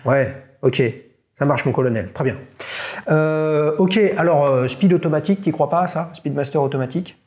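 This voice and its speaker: Playful quiz host. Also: male voice, a little high, moderate pace, darkish tone. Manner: playful, teasing quizmaster. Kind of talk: casual interview and quiz.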